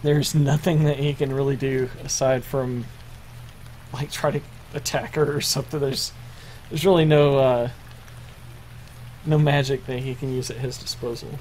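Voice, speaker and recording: A man narrates the action of a tabletop role-playing game he's running as game master, halting often, with many fillers and restarts. His medium-pitched voice is steady and slightly mellow, with slight background noise.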